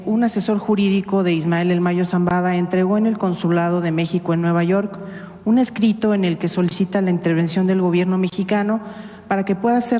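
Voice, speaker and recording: A woman's voice: on the low side, dark tone. A woman reporter asking a formal, polite question at a press conference. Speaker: newspaper reporter. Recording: long reverb of a large hall.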